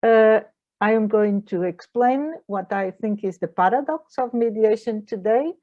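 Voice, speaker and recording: A middle-aged Portuguese woman gives an online lecture in English, her second language, as a mediator and trainer. She speaks at a measured pace with a medium-pitched voice and a Portuguese accent, hesitating often and using non-native phrasing, over narrow, tinny audio.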